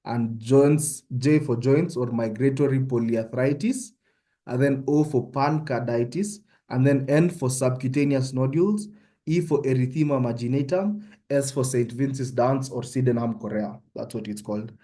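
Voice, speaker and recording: Speaking at a moderate pace in a mellow, medium-pitched voice, a young man with a Kenyan accent leads an informal online medical tutorial. He's from Kenya, talks conversationally, and often checks in with "yeah?".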